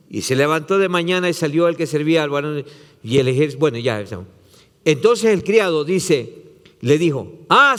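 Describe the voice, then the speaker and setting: A man's voice: fairly high pitch, in a large hall. A man, a pastor preaching a sermon, retelling scripture with dramatic voicing and repetition.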